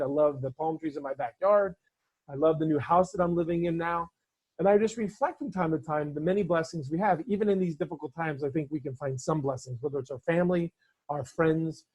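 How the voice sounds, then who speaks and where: Guy business coach giving a motivational talk to camera, kinda husky, earnest story mode. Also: on the high side, darkish tone, dull audio.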